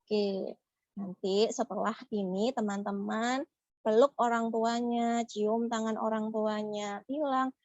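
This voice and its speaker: Young woman telling stories to little kids, slow and sing-songy, high voice, kinda muffled. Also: no room sound. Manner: slow, animated and coaxing, like a kindergarten teacher. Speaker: children's storyteller. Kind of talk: storytelling for young schoolchildren. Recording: slightly muffled, dry sound.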